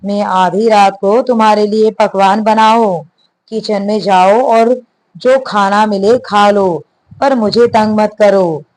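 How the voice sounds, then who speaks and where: A woman reading the lines of a gruff, impatient young husband in a storybook tale. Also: mid-range voice, fairly even intonation, takes it slowly, darkish tone, close to an everyday voice. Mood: irritated. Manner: curt, irritated.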